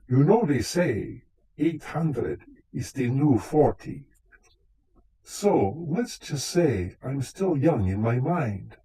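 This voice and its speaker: A man's voice: medium pitch, dark tone, breathy edge, full character voice, rough recording. A man playing a vain, touchy, centuries-old vampire count in comic live radio theater, with a theatrical, formal way of talking. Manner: theatrical, dryly boastful, formal phrasing.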